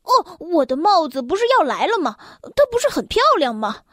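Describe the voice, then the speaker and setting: A woman reading a children's story, voicing an excitable chatterbox man who rambles on without pause. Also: very high-pitched, no echo, clean studio sound, voice pushed up. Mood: excited.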